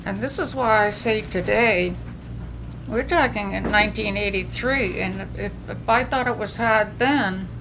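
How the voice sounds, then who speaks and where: This older New England woman speaks at a medium pitch and a little slowly, with noise behind her. She's sharing earnest testimony at a recovery meeting and restarts her story frequently.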